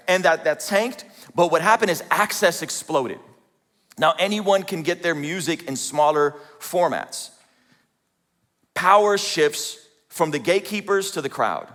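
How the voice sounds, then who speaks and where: A man's voice: a little high, a bit bright. Man speaking in an echoey hall. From Azerbaijan. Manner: conversational, self-deprecating, asks the audience questions. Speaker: speaker at a church event. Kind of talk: humorous personal testimony talk. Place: large hall with a live audience. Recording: reverberant hall.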